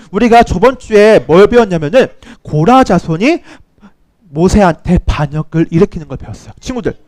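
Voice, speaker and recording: Lively high-voiced man teaching young children. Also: dry recording. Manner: animated, acts out shouts and cries; addresses children as friends, asks questions. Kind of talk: children's sermon.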